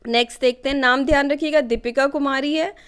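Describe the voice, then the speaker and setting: A woman's voice: sits high, steady tone, fairly quick. A woman explaining current affairs questions for exam preparation in a chatty way, often checking in with "okay". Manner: conversational, many fillers and "ठीक है" check-ins. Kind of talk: exam-prep lesson explaining news questions.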